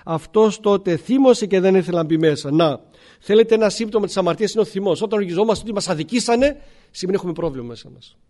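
A male priest delivers a sermon in a fairly high voice. He walks through scripture with rhetorical questions and clears his throat often as he talks. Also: expressive, mellow.

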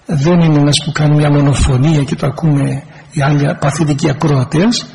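A man's voice: on the high side, fairly even intonation, gravelly, mellow, big-room sound, a little hiss or hum, poor audio. A man, a parish priest, giving an earnest pastoral talk to his congregation and acting out sample replies.

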